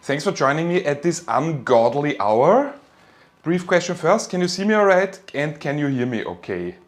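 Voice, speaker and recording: Speaking at a moderate pace in a slightly high, sing-song voice, this male finance lecturer at a university delivers a live online lecture in a relaxed style. German is his first language, and he comes across as friendly and encouraging, using informal address.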